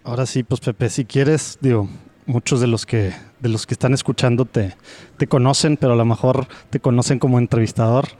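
A man hosting a podcast interview in a relaxed, chummy way with casual slang. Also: mid-range voice, a little fast. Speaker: podcast host.

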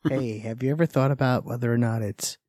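A man putting on a low, slow, breathy bedroom voice as a joke on a podcast. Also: darkish tone, dry recording, studio quality, lightly acted. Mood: sultry.

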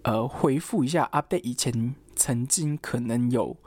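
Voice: medium pitch, measured pace, a little mellow, breathy edge, no echo. A young adult student, casually telling a personal story and stringing thoughts together with fillers. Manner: chatty, quotes others, lots of fillers like "然后" and "anyway".

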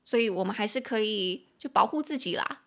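A woman with a Taiwanese Mandarin accent hosting an English-lesson podcast, reading English sentences slowly, then explaining and spelling them in a chatty way. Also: mid-range voice, lively intonation, creaky, fairly bright tone. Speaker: English teacher and podcast host. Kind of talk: bilingual language-lesson podcast.

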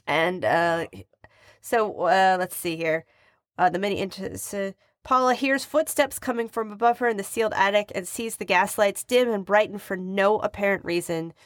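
A woman's voice: mid-range voice, moderate pace, no room sound, studio quality. A woman co-hosting a podcast in casual chat, playful and teasing. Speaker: podcast co-host.

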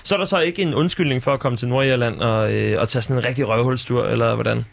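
En mand, der som vært gennemgår kampprogrammet i en afslappet snak med mange fyldord. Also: male voice, medium pitch, vocal fry. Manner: listing results, many fillers. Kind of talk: casual chat.

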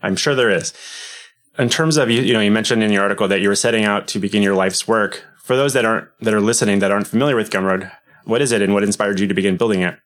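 A man's voice: lowish voice, quick pace, fairly bright tone. A man hosting a podcast interview, asking questions in a chatty way. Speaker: podcast host. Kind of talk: casual interview.

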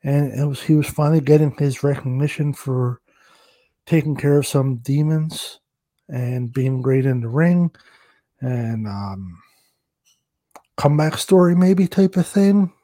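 A man co-hosting a podcast, chatting casually with self-deprecating jokes and halting restarts. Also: medium pitch, mellow, no room sound. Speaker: podcast co-host, referee.

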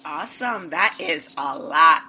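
Lady podcast host, bright sharp voice, kinda low pitched, eager. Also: animated, unhurried, slight background noise, rough recording. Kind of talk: casual conversation.

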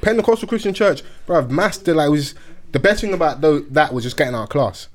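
Fast-talking London man. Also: fairly high pitch, expressive. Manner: slangy, emphatic, repeats phrases. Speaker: podcast host. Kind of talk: casual group banter.

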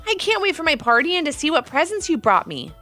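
An eager young boy on the eve of his birthday, told by a woman reader. His high voice bounces about with excitement, a little sneaky. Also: quick pace, faint music behind, full character voice.

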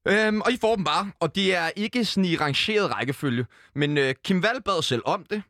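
Lively deadpan Danish-speaking comedy man. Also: high-pitched, no echo, clean studio sound. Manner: provocative, deadpan one-liners. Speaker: podcast co-host. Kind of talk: satirical comedy podcast banter. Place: studio.

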